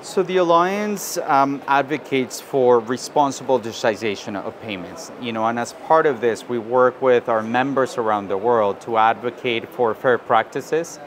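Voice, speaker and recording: A man from South America giving measured interview answers, often adding "you know" and "right?". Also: medium pitch. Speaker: interviewee, financial inclusion advisor. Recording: outdoor recording with street noise.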